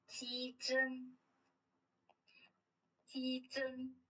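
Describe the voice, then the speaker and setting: A woman student reads vocabulary aloud, one word at a time. Her bright, sharp voice moves very slowly. She sounds careful over each word. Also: sits high, completely flat delivery, low-quality recording.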